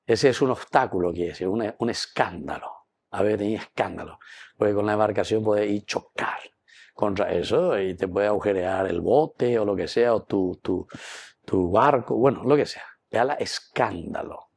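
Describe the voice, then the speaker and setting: A man with a Paraguayan Spanish accent, preaching a lively homily at Mass, full of rhetorical questions and Guaraní phrases. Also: lowish voice, gravelly, slightly rough. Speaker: priest.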